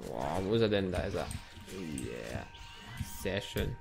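A man's voice: low voice, expressive, slow, vocal fry, over music. A young man commenting on his own gameplay in a chatty let's-play style, talking to the game and his viewers and swearing now and then. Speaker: gaming YouTuber.

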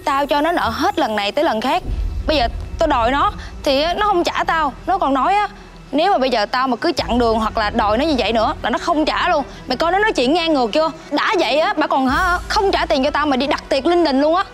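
A woman's voice: high-pitched, animated, quick pace, fairly bright tone, soft background music. An actress playing a fed-up young woman owed money, scolding and exasperated, with a Southern Vietnamese accent. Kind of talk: web drama acting.

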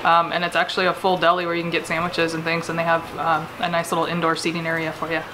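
A woman talks through a casual travel vlog while walking outdoors in a rainy forest park. She sounds chatty and easygoing as she explains things to the viewer. Steady outdoor noise runs under her voice. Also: deep voice, fast. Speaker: RV travel vlogger.

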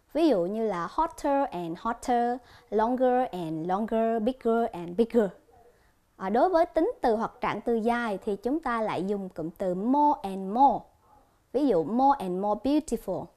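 A female English teacher gives a televised lesson, speaking clearly and deliberately and repeating each example word slowly. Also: a little high, darkish tone. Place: TV studio.

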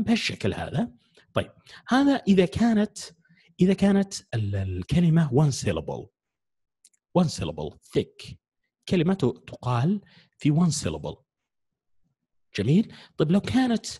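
A man's voice: mid-range voice, dark tone, husky. A man teaching English grammar step by step, often stopping to ask whether his students follow. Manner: explains step by step, often checks understanding with quick questions. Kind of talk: classroom grammar lesson.

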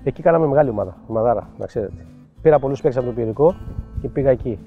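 An older man and football coach telling animated anecdotes in an interview, acting out the dialogue he quotes. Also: mid-range voice, gravelly. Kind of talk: storytelling interview. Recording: dull lo-fi sound with faint music.

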